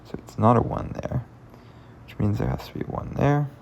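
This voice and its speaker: With a gravelly, slightly mellow voice at medium pitch and normal speed, this puzzle-channel host comments casually while working through puzzles. He thinks out loud, mutters and half-whispers, and the recording carries a little hiss or hum.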